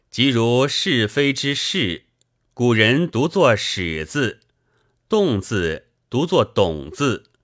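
A man voicing an elderly, learned sailor who lectures and teases in a measured way. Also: sits low, a bit bright, heavily acted.

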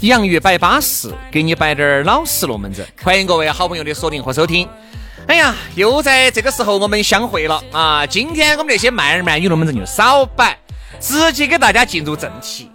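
A man's voice: high voice, sing-song, fairly quick, sharp tone. A man with a Sichuanese accent co-hosting a radio talk show, bantering in a teasing, jokey and exclamatory way. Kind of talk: bantering casual chat. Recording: music bed behind the voice.

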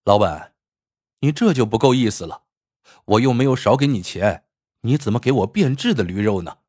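A man voicing a clever blind man in a storybook tale, speaking in a calm, wry, husky way. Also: mid-range voice, normal speed, dry recording, studio quality.

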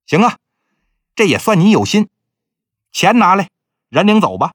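A man's voice: sits high, big pitch swings, moderate pace, no room sound, studio quality, voice pushed up. A man voicing a shrewd, chatty older woman slave broker who talks in a nosy, teasing way. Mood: brisk. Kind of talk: storytelling with character voices.

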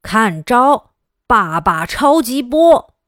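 A woman's voice: fairly high pitch, big pitch swings, extremely slow, a bit bright, no echo, studio quality, heavily acted. A woman doing a bold superhero dad. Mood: commanding. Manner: commanding, declaiming. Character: heroic superhero dad, bold but clumsy.

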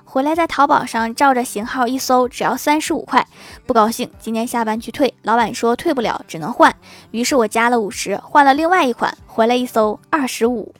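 A woman's voice: on the high side, brisk. A young woman telling funny short stories in a playful, self-mocking way, with laughing asides. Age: young adult. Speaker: comedy storyteller. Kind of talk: scripted joke narration. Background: faint background music.

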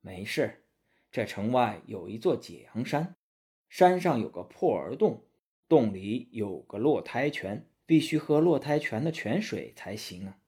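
A man voicing a calm, knowing male court official in a storybook tale, steady and reassuring. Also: mid-range voice, a little slow, slightly rough, heavily acted.

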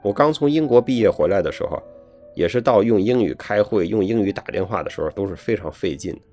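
A man's voice: on the low side, expressive, fast. A man giving friendly, folksy advice to young learners in a chatty, scripted talk. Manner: chatty, folksy, adds friendly tag questions. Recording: soft piano music behind the voice.

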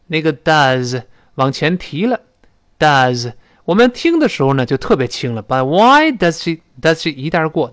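A man teaching a spoken English lesson, explaining phrases and modelling pronunciation slowly. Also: no echo, clean studio sound. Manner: lively explanatory teaching, rising to high pitch for emphasis.

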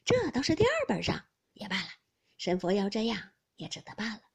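A woman voicing an elderly noble matriarch who speaks in a measured, kindly but chiding way. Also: medium pitch, huge pitch swings, creaky, breathy edge, exaggerated voice.

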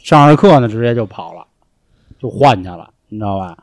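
A young man tells a rowdy story from his school days in a casual chat, cursing freely as he goes. His voice leaps up and down in pitch as he acts out the shouting in the story. The recording is dry and close, with no room sound. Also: expressive, a little fast, dry recording. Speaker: storyteller guest.

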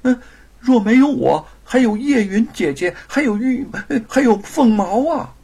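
A man voicing a devoted young wife in an audiobook, speaking higher and in an emotional, pleading manner. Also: expressive, a little slow, dark tone, husky, exaggerated voice.

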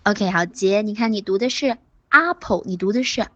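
Pronunciation teacher, woman, mid pitch, dry close sound, slow drilled vowels, encouraging. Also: no echo, dull audio. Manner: drawn-out vowel demonstrations, repeats words slowly; encouraging praise. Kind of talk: online class instruction.

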